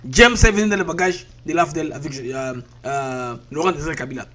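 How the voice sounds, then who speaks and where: Slightly high-voiced male journalist. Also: fast, a bit bright. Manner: long winding questions with fillers. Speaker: journalist interviewer. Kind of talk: interview questions.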